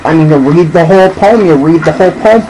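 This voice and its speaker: A drunk man rambling casually and haltingly as he presents and reads out a poem, drawing words out and losing his thread. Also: on the high side, warm tone, a little hiss or hum, low-quality recording.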